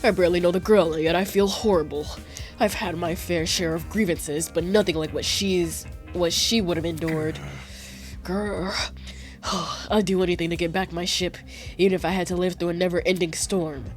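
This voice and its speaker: A woman voicing a gruff male pirate in a game who misses the sea, grumbling and heavy. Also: fairly low pitch, fairly even intonation, moderate pace, soft background music, lightly acted. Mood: gloomy.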